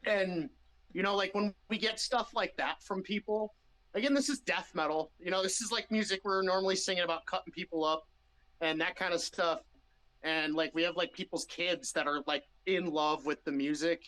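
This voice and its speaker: Man, Midwestern American accent, bright tense tone, rambling casual interview talk, lots of restarts. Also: sits high, normal speed, rough recording. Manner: rambling, restarts often, laughs easily. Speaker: band member guest.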